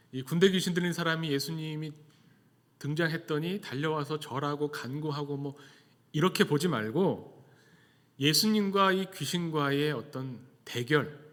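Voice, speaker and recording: A man's voice: a little high, fairly bright tone. A man preaching a sermon as a pastor, speaking conversationally and posing rhetorical questions in a church. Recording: long hall reverb.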